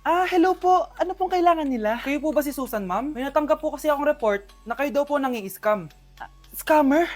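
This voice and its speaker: A woman's voice: high-pitched, animated, brisk, a little mellow, soft background music. A woman performing short comedy skits, switching between characters as she voices every part herself. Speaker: sketch performer voicing all parts.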